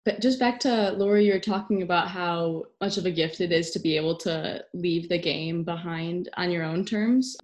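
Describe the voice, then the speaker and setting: A woman interviewer asking podcast questions in a measured, deliberate way. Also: lowish voice, a little mellow.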